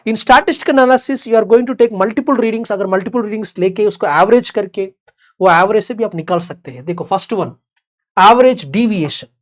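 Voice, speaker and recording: A female teacher with an Indian accent races through an exam revision lecture in a blend of English and Hindi, her voice sitting in the mid range. She repeats key phrases and checks that her learners are keeping up.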